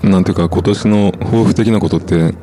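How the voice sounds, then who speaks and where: A man's voice: low-pitched, fairly quick, background noise. A man hosting a casual chat show, talking politely and keeping track of the time. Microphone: studio microphone.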